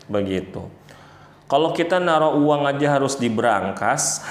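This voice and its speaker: A man teaching young children about the Quran in a playful way, speaking to them directly and acting out examples. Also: mid-range voice. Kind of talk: children's religious lesson. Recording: roomy echo.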